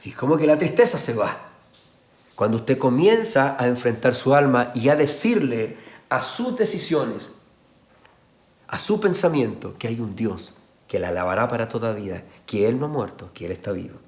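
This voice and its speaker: A man preaching a sermon as pastor, emphatic, moving between hushed passages and loud raised ones. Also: mid-range voice, lively intonation, normal speed. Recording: roomy echoey church sound.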